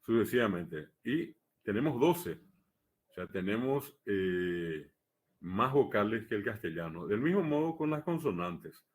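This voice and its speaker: A man giving a live academic lecture, measured and explanatory, pausing often on hesitation fillers. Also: on the low side, very animated. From Paraguay. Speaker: lecturer on the Guaraní language.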